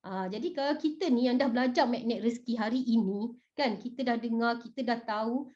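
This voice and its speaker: A woman with a bright, high voice leads a religious motivational talk. She is animated and chatty, and she keeps turning questions back to her listeners. The recording sounds dull and muffled. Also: fairly quick. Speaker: motivational speaker.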